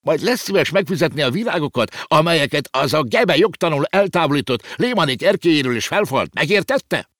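A man's voice: a little high, expressive, hardly any pauses, fairly bright tone, dry recording, clean studio sound, voice pushed up. A man voicing a pompous, tubby little landlord who shrieks indignantly. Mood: outraged. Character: shrill pompous little fat landlord, furious.

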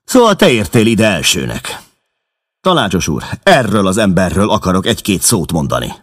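Male reader doing a hostile young hothead, snarling, husky and lively. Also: lowish voice, pitched above the performer's own voice. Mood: furious. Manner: snarling, furious. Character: hot-tempered, hostile young man.

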